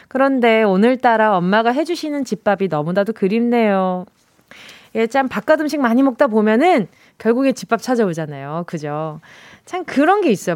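A woman's voice: a little high, darkish tone, no room sound. A woman hosting a live radio show, reading listener texts in a playful, chatty way from a studio microphone.

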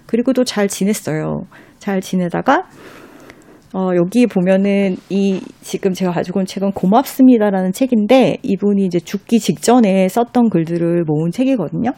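Woman, mellow tone, dry close sound, talks books and reads passages aloud at an unhurried pace. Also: mid-range voice, dry recording. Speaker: book recommender guest. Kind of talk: casual talk about books.

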